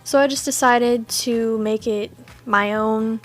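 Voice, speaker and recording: A woman's voice: a little high, fairly even intonation, takes it slowly. A young woman with a Southern US accent, narrating her nail tutorial in a chatty, self-mocking way. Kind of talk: casual voice-over narration.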